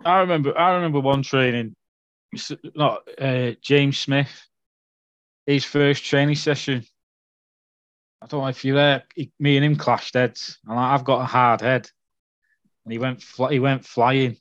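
A man's voice: mid-range voice, fairly even intonation, a bit bright, no echo. A man recalls old matches on a podcast, rambling and stopping to correct himself. His mic sounds dull and dry, with no room around it. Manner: rambling, halting recollections. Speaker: podcast guest. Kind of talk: casual podcast chat.

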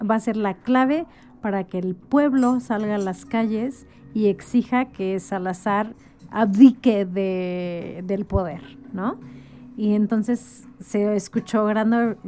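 A woman with a mid-range, dark-toned voice appears as a guest in a casual conversation. She explains things like an informal storyteller and often checks that the listener agrees.

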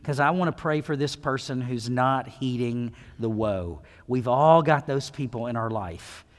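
A man's voice: medium pitch, measured pace. A middle-aged man preaching a sermon in a church, building up passionately and calling people to the altar. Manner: impassioned preaching, calls to the altar. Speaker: pastor. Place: church sanctuary. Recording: long reverb of a church hall.

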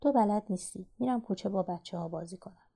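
A woman's voice: medium pitch, warm tone, slightly rough. A woman reading the part of a bossy young boy who scolds his little sister at a board game. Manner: scolding, impatient. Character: bossy impatient young boy, older brother.

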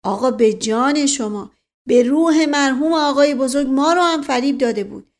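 A woman's voice: high-pitched, voice pushed up. A woman voicing a witty, mischievous middle-aged nobleman who teases and mocks in a storybook reading. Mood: mocking. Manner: lively, mocking.

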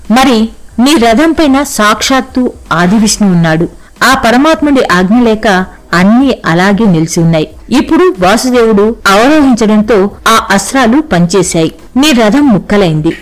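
A woman's voice: medium pitch, animated, normal speed, close to an everyday voice, poor audio. A woman voicing a devout male monkey god who explains patiently and reverently in a storybook reading. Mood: amused, explaining.

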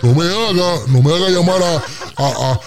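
A man's voice: high voice, normal speed. A man with a Puerto Rican accent hosting a comedy radio bit, telling a boastful, exaggerated story full of sound effects.

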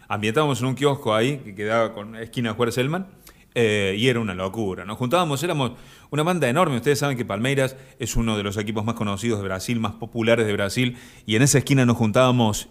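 A man with an Argentine accent hosting a comic live stream, reading comments aloud with deadpan absurd humor and sudden high shouted voices. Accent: Argentine Spanish. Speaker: comic host of an Instagram live.

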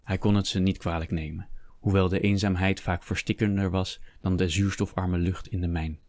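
A man narrating a historical story in a steady, measured reading. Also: low-pitched, dry recording. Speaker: audiobook narrator.

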